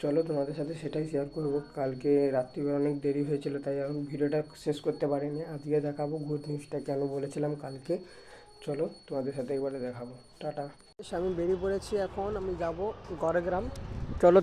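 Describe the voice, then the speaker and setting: A man from West Bengal, India, chatting rapidly to his viewers in a casual daily vlog, recorded outdoors on a handheld phone. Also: fairly high pitch, little pitch movement. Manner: chatty, rapid, repeats sign-offs. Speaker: vlogger. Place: outdoors, at a fair and by a road. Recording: loud traffic and outdoor noise.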